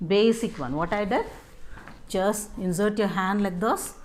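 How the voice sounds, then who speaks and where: Woman, casual tutorial host, slow step-by-step talk, "no?" tag questions, noisy background, dog. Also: medium pitch. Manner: unhurried step-by-step instructions with frequent "no?" tags. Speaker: scarf styling tutorial host. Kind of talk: casual how-to demonstration.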